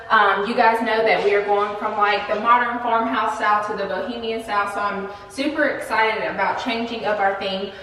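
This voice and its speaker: Woman, higher voice, chatty home tour, big hall echo, bare room, off-mic. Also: a bit bright, distant mic, slight background noise. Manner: chatty, upbeat, many fillers. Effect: big hall echo of an empty room. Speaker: vlog host. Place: empty apartment. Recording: echoey empty room, voice from off-mic.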